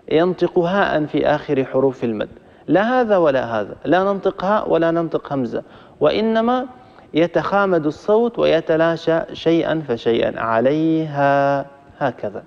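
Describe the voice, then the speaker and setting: A man's voice: on the high side, creaky. Patient male recitation teacher, roomy sound. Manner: patient, explains rules step by step. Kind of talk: live recitation coaching. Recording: roomy, muffled audio.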